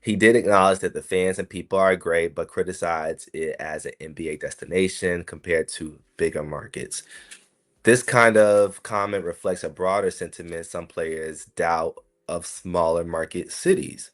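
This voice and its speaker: A man's voice: deep voice, fairly even intonation, moderate pace. A man from South Carolina, hosting a casual solo podcast and talking to his listeners in a chatty, rambling way. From South Carolina, USA. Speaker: podcast host.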